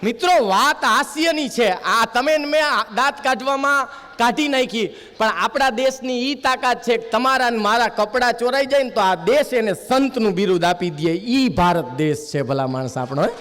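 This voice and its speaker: A man's voice: very high-pitched, moderate pace, fairly bright tone, long reverb tail. A man performing a stage comedy monologue, telling folksy stories that land on punchlines. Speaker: humorist.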